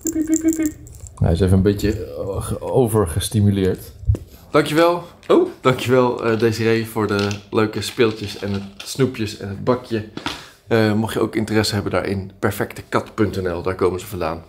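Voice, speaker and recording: A man's voice: lowish voice, fairly even intonation, moderate pace, a little mellow, slight background noise. A man in his thirties chatting casually and playfully in a home vlog, recorded indoors on a nearby camera. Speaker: vlogger. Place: living room at home, indoors.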